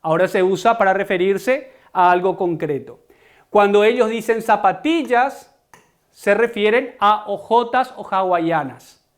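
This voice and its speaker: A man with a Paraguayan Spanish accent teaches an online lesson in a fairly high voice. He explains each point step by step, stresses the key terms and often turns to address his students directly. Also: measured pace.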